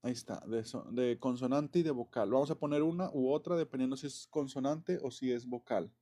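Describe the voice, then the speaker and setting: Man, mellow voice, rambling teacher, lots of fillers and chuckles. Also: medium pitch, a little fast. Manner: loose and chatty, many fillers and self-corrections, chuckles often. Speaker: English teacher. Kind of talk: casual classroom explanation.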